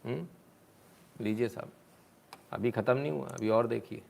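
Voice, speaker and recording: Sarcastic man with a gravelly voice. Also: medium pitch, normal speed, very noisy. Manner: sarcastic, mocking, scolding. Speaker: live-stream commentator. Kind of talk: live stream commentary while reading viewer comments.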